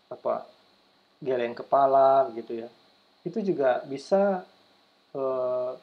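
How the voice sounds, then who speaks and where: A man gives a loose, conversational lecture to students, wandering through fillers and acting out small examples. His voice sits at an ordinary pitch. The recording sounds dull and lo-fi. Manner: loose, chatty, with fillers and demonstrations.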